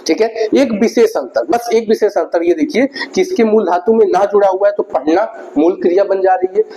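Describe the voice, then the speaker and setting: A man's voice: sits high, a little fast, dark tone. A man giving a grammar lesson, often repeating key words and putting questions to his students. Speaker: teacher. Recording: dull lo-fi recording with faint noise.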